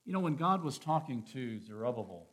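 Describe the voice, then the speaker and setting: A man preaching a sermon, reading scripture aloud and commenting on it, swinging from hushed, slow phrases to loud, emphatic peaks. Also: medium pitch, very animated. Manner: reads scripture aloud and adds his own commentary.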